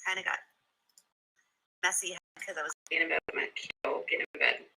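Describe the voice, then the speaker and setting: Sped-up chipmunk woman, very bright. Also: fairly low pitch, level tone, brisk, gravelly, poor audio. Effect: sped-up playback, chipmunk-like. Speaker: live streamer. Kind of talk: casual live-stream chat to viewers.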